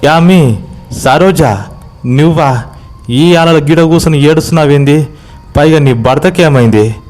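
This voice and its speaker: A man doing a loud Telangana village man. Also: on the high side, a little slow, faint music behind, voice pushed up, close to an everyday voice. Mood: urgent. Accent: Telangana Telugu. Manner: loud, rustic, questioning. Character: village man, anxious and pushy. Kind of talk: horror story voice acting.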